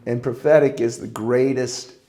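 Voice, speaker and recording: A man's voice: mid-range voice, steady tone, normal speed, warm tone. An older man, a pastor, preaching a conversational sermon in a folksy, earnest way with frequent chuckles.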